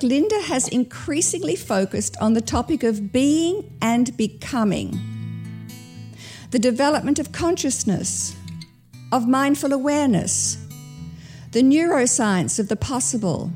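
A woman hosting a podcast, introducing her guest in an upbeat, expressive way. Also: fairly high pitch. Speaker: podcast host. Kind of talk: podcast interview.

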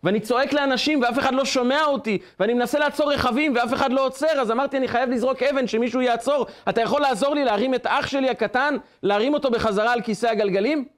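A man's voice: high-pitched, few pauses, pitched above the performer's own voice, close to an everyday voice. A man voicing a frightened eight-year-old boy who urgently pleads for help in a spoken story. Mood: pleading.

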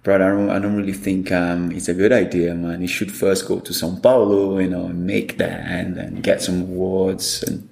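Man, Brazilian Portuguese accent, low pitch, echoey room, animated storytelling. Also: normal speed, vocal fry, hardly any pauses. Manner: animated storyteller, acts out quoted dialogue. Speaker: guest. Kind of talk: storytelling interview.

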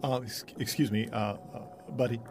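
A man's voice: mid-range voice, steady tone, a little fast, music in the background, lightly acted. A man playing a timid, bewildered motel guest with a hesitant, stammering delivery in a horror-comedy audio drama. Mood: bewildered, nervous. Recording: clear background ambience noise.

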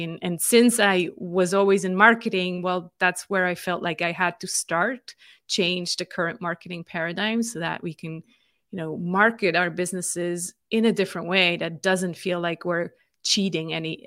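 In this conversational interview, a woman in her forties from Switzerland who works as a marketing consultant recounts her story thoughtfully, restarting often and using many fillers. Her voice has a fairly low pitch and a fairly bright tone, recorded at studio quality with no echo.

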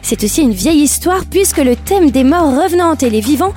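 A woman's voice: high-pitched, animated, brisk, darkish tone, faint music behind. A woman co-host presenting from a script.

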